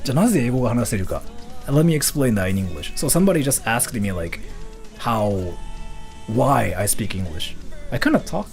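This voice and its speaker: A man's voice: mid-range voice, sing-song, fairly quick, gravelly, a little mellow, soft background music. A man from Japan livestreaming, chatting loosely and answering viewer questions, going back and forth between English and Japanese.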